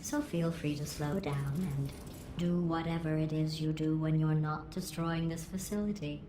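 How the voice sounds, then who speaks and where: A low female robotic voice rings out with roomy echo. It is a sardonic video game artificial intelligence, measured and mock-polite, delivering cold mockery in a flat deadpan through synthetic processing. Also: slight background noise. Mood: coldly mocking. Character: sardonic female artificial intelligence running test chambers, coldly mocking. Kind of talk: scripted video game character dialogue. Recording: echoey, roomy game audio.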